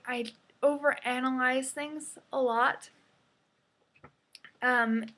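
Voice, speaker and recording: A young woman records a casual video diary at home, speaking slowly in a somewhat high voice. She hesitates often with ums and laughs at herself now and then, caught on a phone or webcam mic. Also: fairly bright tone. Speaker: vlogger.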